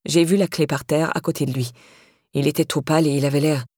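A woman reading an audiobook, voicing an unsettling heavyset woman who speaks in a flat, neutral voice. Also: fast talker, husky, no echo, clean studio sound. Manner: toneless, low and neutral.

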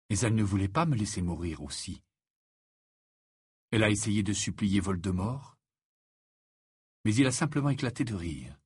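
A man voicing a grim, quiet teenage wizard boy in an audiobook, low and subdued. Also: husky, no room sound, clean studio sound. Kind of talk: audiobook character voice.

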